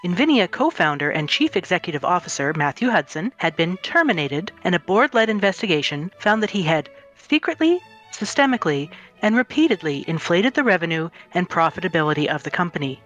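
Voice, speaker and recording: A woman's voice: fairly low pitch, sing-song, fairly quick, few pauses, fairly bright tone, dull audio. Lady reading an article like a newscaster, faint music behind. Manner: put-on newscaster voice. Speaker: podcast panelist. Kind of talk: reading a news article aloud.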